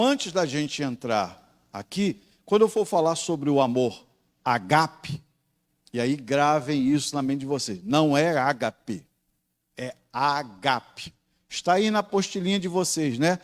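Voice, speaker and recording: A man with a Brazilian Portuguese accent, a pastor teaching a Bible study class. He explains step by step, often checks in with his students and slows down to stress key words. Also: on the high side, animated.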